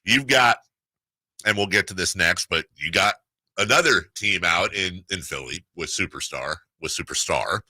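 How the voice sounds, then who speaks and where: A sports radio host with a deep, bright, hard-edged voice that's slightly rough talks casually, trading wry jokes and stumbling into halting restarts. His intonation is lively and his delivery loose and conversational. The recording is close, dry, and of poor quality.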